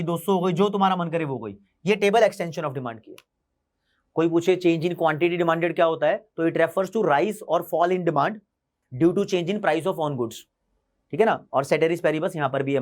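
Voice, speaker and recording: A man teaching an online economics class, repeating key English terms slowly for his students. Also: high voice. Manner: mixes Hindi with English terms.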